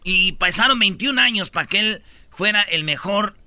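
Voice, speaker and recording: A man hosting a comedy radio show, with a high, very bright voice. He tells the news as slangy, joking stories and teases his cohosts. The studio sound is dry and close to the mic. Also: lively intonation, normal speed, no echo.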